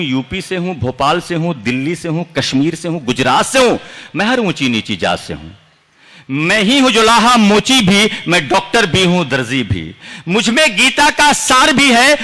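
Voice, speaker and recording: This poet from India is declaiming his own verse, both funny and serious, at a large outdoor poetry event, going back over lines for effect. His male voice sits high, with a bright and forceful tone.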